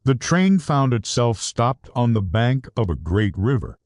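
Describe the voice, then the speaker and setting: A man reads a children's adventure tale aloud, his pitch climbing and falling with animated storybook energy. His voice sits at an ordinary middle pitch. The recording is close and dry, with no room sound. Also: a little slow, no room sound. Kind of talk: scripted children's story narration.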